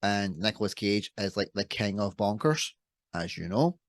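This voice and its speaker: Joking man, low voice. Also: lively intonation, moderate pace, no echo. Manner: joking, rambling, laughs often. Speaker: podcast co-host. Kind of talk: casual chat.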